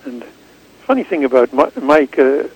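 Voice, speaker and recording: A man, a publisher being interviewed, chatting in a relaxed way with repeated words. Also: mid-range voice, moderate pace, slightly rough, highs cut off. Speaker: book publisher and author, interview guest. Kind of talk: casual chat.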